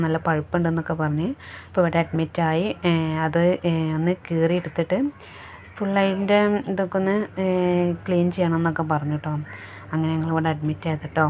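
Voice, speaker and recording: A woman talks through a casual vlog from a hospital room. She is chatty and keeps tucking little tag words onto the ends of her sentences. Her voice sits slightly lower than most women's, with a faint hum of background noise behind it. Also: darkish tone. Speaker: vlogger, mother of the patient.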